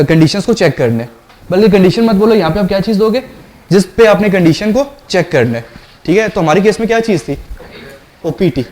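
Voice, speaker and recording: A man's voice: high-pitched, darkish tone. A male lecturer teaching a programming class, explaining step by step and often asking the class questions to check they follow.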